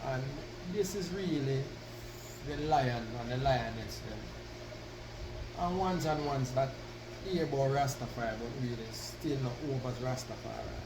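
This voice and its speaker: A man using Rasta speech, deliberately proclaiming a devotional address to followers with pauses and emphatic declarations. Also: medium pitch. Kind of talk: devotional address with reading of own written piece. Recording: roomy, distant mic, constant background noise.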